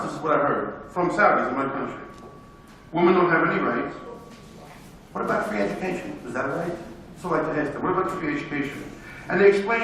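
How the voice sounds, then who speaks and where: New guy preaching, emphatic, tells stories, voice bounces around a big echoey hall, faint hiss. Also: sits high. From United States. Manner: animated, emphatic, rhetorical questions. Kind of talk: public talk with storytelling. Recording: echoey hall, speaker distant from mic.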